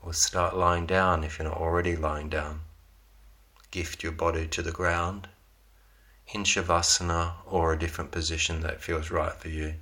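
A man gently guiding a yoga class through a slow, calm relaxation with long pauses. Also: low voice. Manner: slow, soft, unhurried guidance with long pauses. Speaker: yoga teacher.

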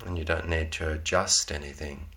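A man gently guiding a yoga class through a slow, calm relaxation with long pauses. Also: rumbling low. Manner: slow, soft, unhurried guidance with long pauses. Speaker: yoga teacher.

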